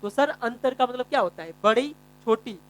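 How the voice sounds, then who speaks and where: A male math teacher giving a classroom lesson, quizzing students by name and repeating key phrases slowly. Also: very high voice, expressive, fairly bright tone, low-quality recording.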